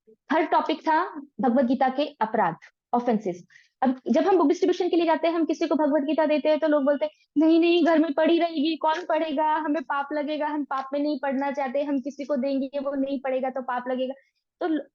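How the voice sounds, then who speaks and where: A woman's voice: high-pitched, no room sound, lo-fi sound. A woman teaching a devotional course in with in, explaining earnestly and asking and answering her own questions. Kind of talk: devotional class talk.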